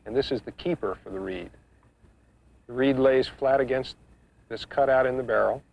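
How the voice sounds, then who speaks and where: Gravelly-voiced man giving step-by-step instruction. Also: mid-range voice. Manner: measured, explanatory step-by-step delivery. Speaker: duck calling instructor. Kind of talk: instructional demonstration talk. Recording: muffled, dull 1990s instructional video sound.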